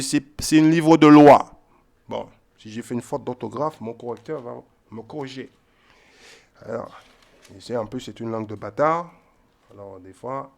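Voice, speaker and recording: A man with a slightly high voice reads and explains scripture in an informal teaching style. He keeps asking whether his listeners follow him, and he jumps from loud emphatic bursts to quiet asides. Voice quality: keeps checking in with "ok?" and "voilà", swings between loud bursts and low mutters. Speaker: self-styled Bible teacher. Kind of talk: informal Bible reading with commentary.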